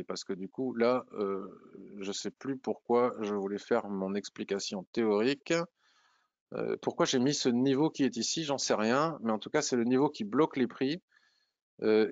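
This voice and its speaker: A man's voice: mid-range voice, no echo, dull audio. A man walking through stock charts in a screen-share tutorial, thinking aloud with frequent hesitations and restarts. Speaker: trading analysis presenter.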